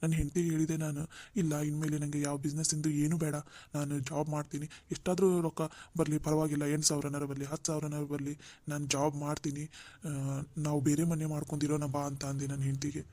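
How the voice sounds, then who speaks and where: A man voicing a humbled, jobless older brother in a cartoon drama, speaking gently. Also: on the high side, monotone, fairly quick, no room sound, natural voice. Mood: sorrowful. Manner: gentle, pleading, dialect-heavy.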